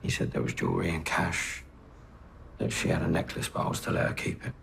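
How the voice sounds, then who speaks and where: An actor playing a guarded young male drug dealer in a police interview, speaking flatly. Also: deep voice, fairly quick, creaky, background noise, full character voice. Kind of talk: TV crime drama acting.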